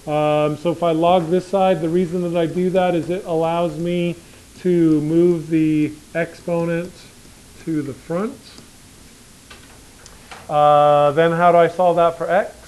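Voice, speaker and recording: A man with a slightly high voice teaches a classroom math lesson in a loose, joking way. He keeps asking the class questions as he works through each step on the board. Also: level tone, slow, darkish tone, smooth, low-quality recording. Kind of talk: classroom lecture.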